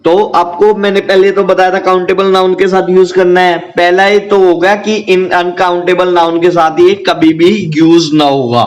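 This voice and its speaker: A man's voice: high voice, level tone, moderate pace, hardly any pauses. A man teaching a grammar lesson, who asks the class questions and answers them himself while repeating the key points.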